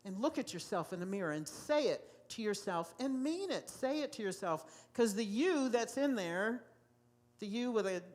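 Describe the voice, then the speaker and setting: A woman pastor delivers a sermon in a church sanctuary. She speaks with emphasis and repeats her key phrases to drive them home. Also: medium pitch.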